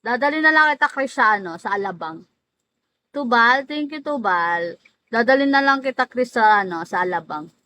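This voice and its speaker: A woman's voice: a little high, lively intonation, normal speed, pushed and bright, no room sound, rough recording. A woman hosting a casual livestream, teasing viewers by name, laughing often and drawing out names. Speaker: livestream host. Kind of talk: casual live-stream chat greeting viewers.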